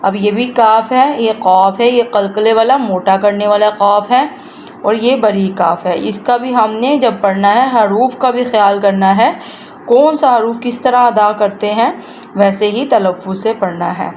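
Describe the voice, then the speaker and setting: A woman teaching word-by-word Quran recitation, chanting each phrase slowly and repeating it, then explaining the pronunciation rules in plain, patient speech. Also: medium pitch, darkish tone, slight background noise.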